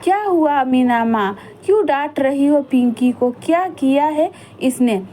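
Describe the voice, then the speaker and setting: Woman doing a gentle sensible older brother. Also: sits high, unhurried, slight background noise. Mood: calm. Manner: calm, soothing.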